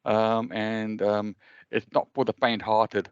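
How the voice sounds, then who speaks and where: A man's voice: lowish voice, flat delivery, takes it slowly, clean tone, dry recording, muffled recording. A man with a South African accent hosting an online webinar, speaking hesitantly with many ums and uhs. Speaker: webinar host.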